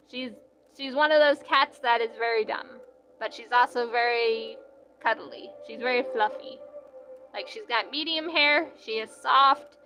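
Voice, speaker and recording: A woman's voice: fairly high pitch, a bit bright, poor audio. A young woman streaming and reading out live chat in a casual, rambling way, full of "like" fillers.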